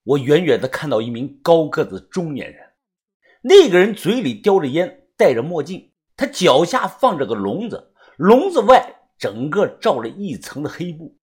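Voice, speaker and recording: A man narrating a first-person audiobook story in a lively, swinging storyteller manner. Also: on the high side, moderate pace, husky.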